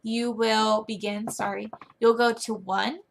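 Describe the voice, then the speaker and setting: A young woman explaining online English teaching in a chatty tutorial, often using a high, playful teacher voice. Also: little pitch movement, a little slow, vocal fry, slight background noise. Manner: chatty, demonstrates teacher lines in a high, exaggerated sing-song. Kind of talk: casual screen-recorded tutorial.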